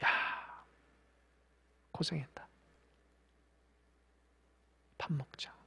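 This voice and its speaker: A male preacher voicing Jesus as a gentle, forgiving man who speaks softly, often close to a whisper, within a sermon. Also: high voice, big pitch swings, normal speed, full character voice. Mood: tender. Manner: hushed, tender, often near a whisper.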